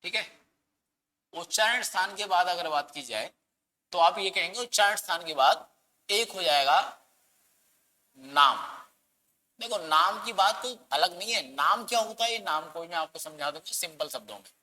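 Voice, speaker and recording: Bright, high-voiced male teacher in an echoing hall. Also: animated, moderate pace, long pauses. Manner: asks the class questions and answers them himself; coaxing, has students say sounds aloud. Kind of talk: classroom grammar lesson.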